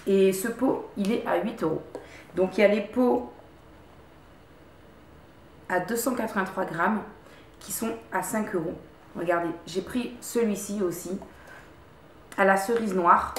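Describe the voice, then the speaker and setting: A woman's voice: medium pitch, measured pace, pauses often, echoey room, a little hiss or hum. A woman vlogger casually reviewing her favorite products at home, chatty, repeating words and stopping to restart often. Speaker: beauty vlogger. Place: room at home.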